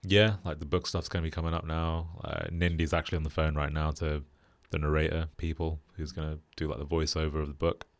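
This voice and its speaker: A young British man hosting a casual podcast chat, relaxed and flat in delivery with lots of fillers. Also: very deep voice, fast, few pauses, dry recording. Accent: British English. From Britain. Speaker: podcast host.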